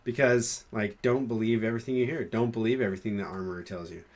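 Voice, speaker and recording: A man's voice: fairly low pitch, fairly even intonation, quick pace, darkish tone. A man co-hosting a podcast, chatting casually and restarting his sentences with frequent fillers. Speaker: podcast co-host. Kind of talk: casual chat.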